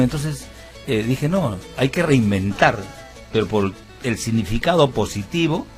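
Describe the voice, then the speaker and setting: On the radio, a band founder and musician from Peru talks earnestly and at length about his story, restarting often and using lots of fillers. His Peruvian Spanish accent comes through in a medium-pitched voice.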